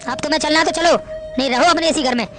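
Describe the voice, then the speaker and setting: Bossy rich son-in-law in a family drama, rapid and high-pitched, sneering at everyone. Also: female voice, fairly bright tone, faint music behind. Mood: scornful. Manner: scornful, bossy. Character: arrogant rich male son-in-law, boastful. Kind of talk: Hindi family drama acting.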